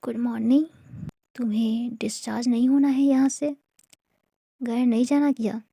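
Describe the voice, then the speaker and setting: Woman playing a soft-spoken tender bodyguard. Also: on the high side, little pitch movement, moderate pace, gravelly, slightly rough, no echo. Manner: soft and affectionate.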